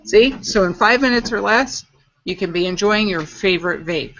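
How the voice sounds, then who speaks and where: A bright, chatty woman talks through a hands-on build in a casual live-stream chat. Her voice comes over a dull, lo-fi call line, mid-pitched and upbeat. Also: lively intonation, moderate pace. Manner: chatty, upbeat, explains as she works. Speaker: guest e-juice maker demonstrating coil builds.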